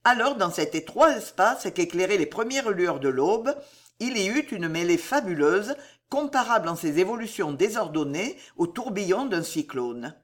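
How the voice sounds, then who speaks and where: An audiobook narrator reading a historical adventure novel in a measured, expressive storytelling manner. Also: mid-range voice.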